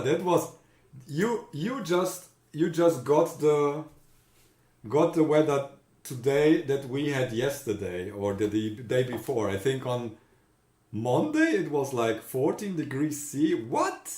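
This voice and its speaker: Casual stream host: Central European man, unhurried and halting, recorded in a roomy space. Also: medium pitch, darkish tone. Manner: greets chat viewers by name, halting with fillers. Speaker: livestream host. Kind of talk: casual live-stream chat.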